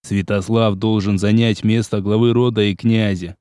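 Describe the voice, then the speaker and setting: A man's voice: fairly low pitch, level tone, moderate pace, dark tone, clear, resonant tone, dry recording, studio quality, close to an everyday voice. A man voicing a cold, scheming older nobleman who speaks curtly and dismissively. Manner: curt, dismissive, menacing.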